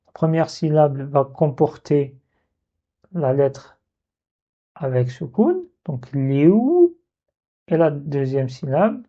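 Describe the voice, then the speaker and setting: A man's voice: fairly high pitch, lively intonation, takes it slowly, long pauses, mellow. A man teaching an Arabic letter in a video lesson, patiently repeating sounds and breaking words into syllables. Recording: dull lo-fi recording.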